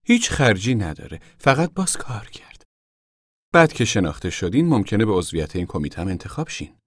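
A man's voice: lowish voice, big pitch swings, no echo, clean studio sound. A man voicing a proud, stout woman who chairs a camp committee, speaking formally and weightily as if her words were rehearsed. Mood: earnest.

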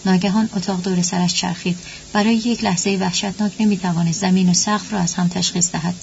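Woman reading an audiobook, gravelly voice, muffled lo-fi sound with a low hum. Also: fairly even intonation, a little mellow. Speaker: audiobook narrator. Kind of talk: storybook narration. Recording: dull lo-fi with faint hum.

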